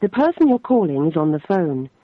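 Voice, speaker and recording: A recorded answering-service announcement, heard over a landline phone line, speaking in measured automated prompts. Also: mid-range voice, big pitch swings, dry recording.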